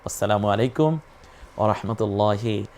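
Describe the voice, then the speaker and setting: A man's voice: fairly low pitch, normal speed, darkish tone, a little hiss or hum. A man teaching Quran recitation, patiently spelling out and repeating each letter and sound in a methodical lesson.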